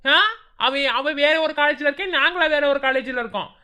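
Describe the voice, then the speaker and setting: A scheming, spiteful young college woman sneers in a high, bright cartoon voice, as a woman plays her. She rattles her taunts off fast. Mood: sneering. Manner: sneering and quick-tongued. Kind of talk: animated cartoon voice acting.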